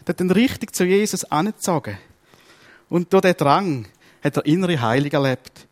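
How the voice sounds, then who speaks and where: Swiss German preacher, lively storyteller. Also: male voice, on the high side. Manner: lively storytelling, acting out voices. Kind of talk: sermon.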